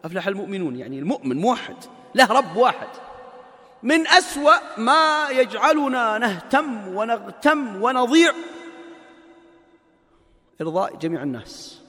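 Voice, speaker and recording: High-voiced preacher in reverb. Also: male voice, very animated, moderate pace, pauses often, sharp tone. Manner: rhetorical questions, emphatic, colloquial asides. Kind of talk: conversational religious sermon.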